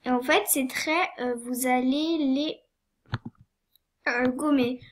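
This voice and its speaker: A woman's voice: sits high, steady tone, takes it slowly, slight background noise. A young woman with a cold walks through a tutorial, hesitant, with many fillers and apologies. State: sniffly with a cold. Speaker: tutorial maker. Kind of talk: screen-recorded game tutorial.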